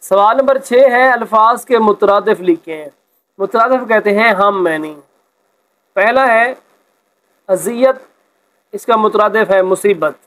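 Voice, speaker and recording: A man teaching a school lesson, explaining a textbook exercise and reading example sentences slowly with expression. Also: sits high, a bit bright, poor audio.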